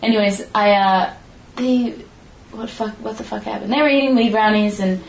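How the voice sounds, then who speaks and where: A woman's voice: mid-range voice, moderate pace, creaky. Rambling young woman in a roomy space. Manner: rambling, swears freely, lots of "like". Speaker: friend in conversation. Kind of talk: casual chat. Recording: roomy with faint background noise.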